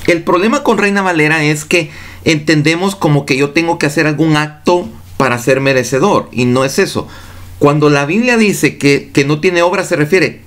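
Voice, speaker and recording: A man's voice: a little high, fairly bright tone. A male pastor preaching a sermon, reading scripture aloud and putting rhetorical questions straight to his congregation. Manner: addresses listeners directly and reads scripture aloud.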